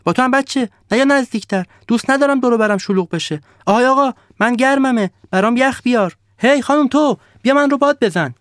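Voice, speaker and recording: A man's voice: very high voice, few pauses, a bit bright, no echo, clean studio sound, voice pushed up. A man voicing a bossy, greedy snowman who barks rude orders at villagers in a storybook tale. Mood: shouting orders. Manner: barking orders, rude and demanding.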